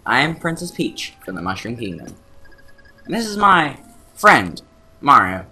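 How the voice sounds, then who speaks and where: A man's voice: mid-range voice, big pitch swings, measured pace, bright, forceful tone, a little hiss or hum, full character voice. A man doing a prim, polite princess. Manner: polite, slightly flustered. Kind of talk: let's play voice-over.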